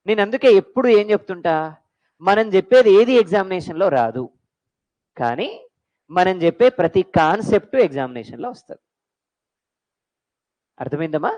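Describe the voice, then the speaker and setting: A woman's voice: lowish voice, darkish tone, poor audio. Lady teacher, lecture for exam prep, voice jumps up and down a lot, keeps firing questions at the class. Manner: quizzing students with call-and-response questions; mixes English phrases into Telugu.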